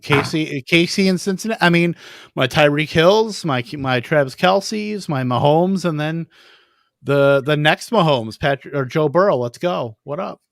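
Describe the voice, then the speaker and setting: Fast-rambling male podcast host, dry sound. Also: a little high, lively intonation, creaky, no room sound. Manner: rapid, rambling sign-off with self-corrections. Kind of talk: casual fantasy football chat.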